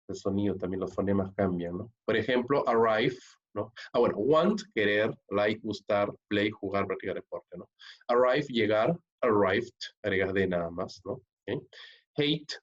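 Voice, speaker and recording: A man teaching an English grammar lesson, explaining step by step and often checking with "¿ok?" or "¿no?". He slows down and stresses the key words. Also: lowish voice. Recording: dull lo-fi recording.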